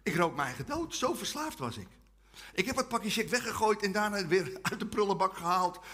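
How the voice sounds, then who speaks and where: A man's voice: high-pitched, expressive, brisk, sharp tone, breathy edge. A man preaching a humorous testimony sermon to a live audience, joking and leading the crowd in call-and-response chants.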